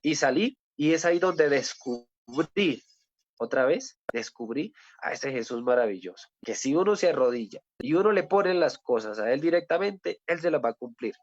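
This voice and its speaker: A Colombian man tells his faith testimony earnestly, checking in with his listeners and circling back over his words. His voice sits a bit high for a man. The recording is dry and somewhat dull, with little room sound. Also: expressive, moderate pace, no echo. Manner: earnest, with repeated rhetorical "¿sí?" and restarts. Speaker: testimony speaker.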